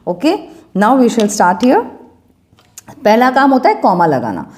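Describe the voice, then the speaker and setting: Slow and on the high side, this woman's voice swoops wildly in pitch and has a darkish tone. She is a maths teacher with an Indian English accent, giving a step-by-step lesson while writing and patiently checking in with questions to her students.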